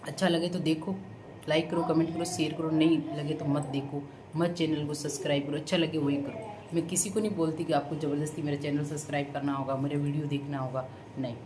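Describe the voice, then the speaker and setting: Woman vlogger, low voice, defiant and sarcastic, home recording with noticeable background noise. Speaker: vlogger answering viewer comments. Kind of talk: casual talking-to-camera vlog.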